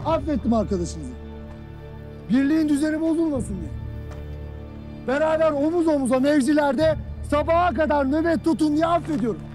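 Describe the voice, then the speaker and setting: Harsh army commander chewing out his unit; shouting, pushed way up in pitch. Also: lively intonation, moderate pace, faint music behind. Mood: furious. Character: stern male army commander berating his troops. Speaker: military commander. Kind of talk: dramatic film acting.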